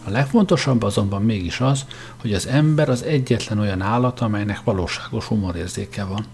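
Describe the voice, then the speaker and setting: A man voicing a shrewd male grandmaster who questions and lectures in a sharp, cutting way. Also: lowish voice, vocal fry. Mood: probing.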